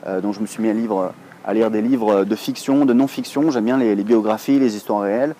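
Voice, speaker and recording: A man's voice: lowish voice, brisk, warm tone, a little hiss or hum. A French man in his thirties talking casually to camera, chatty and rambling with many hesitations. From France. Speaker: online English teacher, blogger.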